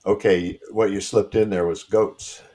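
Deep-voiced guy host, friendly, lots of uhs as he asks stuff. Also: steady tone, mellow. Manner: friendly, hesitant, many "uh" pauses. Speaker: podcast host. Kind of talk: interview questions.

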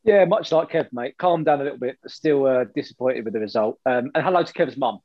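A man co-hosting a casual football podcast, talking in an animated way with casual slang. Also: mid-range voice, a little fast, no echo, highs cut off. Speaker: podcast co-host.

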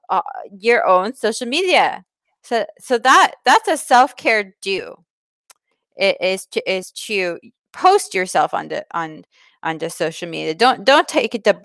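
A self-proclaimed self-care expert stumbles through broken English, restarting her sentences and mangling grammar, as a woman plays her in a comedy bit. Her voice is bright and a touch high. The sound is dry and close. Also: dry recording. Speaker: comic advice giver.

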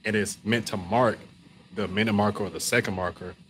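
Low-voiced man explaining, faint noise behind. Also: fairly even intonation. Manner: halting, repeats words, checks with "right?". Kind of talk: casual technical explanation.

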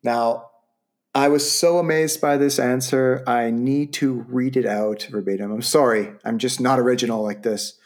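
A man's voice: medium pitch, fairly even intonation, moderate pace, few pauses, a little mellow. A man co-hosting a casual podcast, reading text aloud in a playful, mock-grand way and laughing often. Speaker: podcast co-host.

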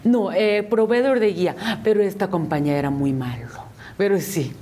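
Korean woman speaking halting Spanish. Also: on the low side, mellow, slight background noise. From South Korea. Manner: halting Spanish with restarts and repeated words. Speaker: interview guest. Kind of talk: casual interview.

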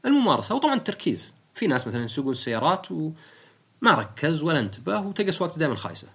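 A man's voice: on the high side, expressive, racing, bright, forceful tone, husky. A man with a Saudi accent, a podcast host talking casually and explaining his views with everyday examples. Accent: Saudi Arabic.

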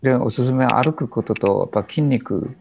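A man in his seventies speaking slowly and thoughtfully as an interview guest over a video call. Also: mid-range voice, creaky, slight background noise. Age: 70s. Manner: slow, halting, thoughtful. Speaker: guest teacher. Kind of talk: reflective interview talk. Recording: dull lo-fi video call audio.

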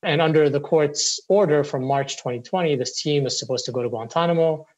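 A man's voice: a little high, brisk, darkish tone, lo-fi sound. A man in his forties, a lawyer from Syria who grew up in the Middle East, speaking earnestly in an interview with frequent restarts and repetitions. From Syria, raised in the Middle East.

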